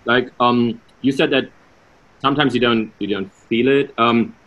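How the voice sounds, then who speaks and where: A man interviewing a guest over a video call, a German native speaker asking halting questions full of fillers. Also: medium pitch, steady tone, fairly bright tone, muffled recording. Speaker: radio interviewer.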